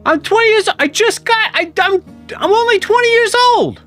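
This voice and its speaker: A game master voicing a young, defensive desert local in a tabletop game, whiny and quick to take offense. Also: very high-pitched, expressive, a bit bright, faint music behind, pitched above the performer's own voice. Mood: indignant. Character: defensive twenty-year-old desert local. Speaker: non-player character in a tabletop game.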